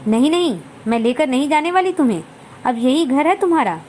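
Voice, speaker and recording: A warm-hearted mother, as a woman narrator puts her on in a spoken storybook. She soothes her daughter kindly yet stays firm, her voice high and even. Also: brisk, a little hiss or hum. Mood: gently firm.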